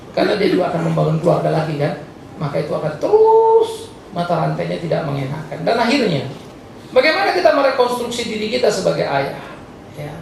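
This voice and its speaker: Animated preacher, echoey hall. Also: male voice, high-pitched, gravelly, a little hiss or hum. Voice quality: animated, jokey, slangy delivery. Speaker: pastor. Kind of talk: sermon with comic storytelling. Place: church hall. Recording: echoey church hall from far off.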